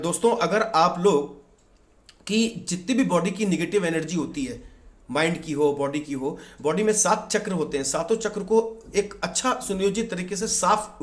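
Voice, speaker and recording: Calm man giving wellness advice. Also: a little high. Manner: calm advice mixing Hindi and English, addresses viewers as friends. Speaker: wellness presenter. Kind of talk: informal health talk to camera.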